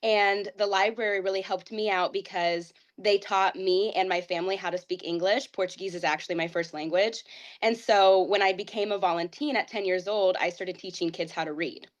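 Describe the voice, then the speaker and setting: A young Ohio woman in her twenties, a pageant titleholder, tells her story in a casual interview, upbeat and earnest with a rambling flow. Her medium-pitched voice keeps fairly even intonation at normal speed.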